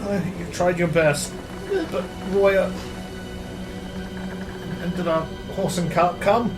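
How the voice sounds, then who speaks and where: A man's voice: sits high, steady tone, slow pace, rough recording. A man playing a tabletop game, mixing casual chat with speaking as his character. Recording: music behind the voice.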